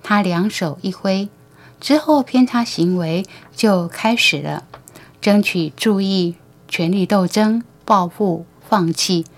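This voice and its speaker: A woman's voice: mid-range voice, slow. Woman narrating an audiobook story.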